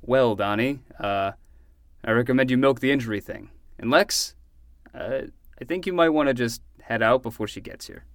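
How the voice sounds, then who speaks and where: A man's voice: mid-range voice, moderate pace, no room sound, studio quality, close to an everyday voice. A man playing an easygoing, good-humored uncle in a fiction podcast, casual and teasing. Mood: gently cautioning.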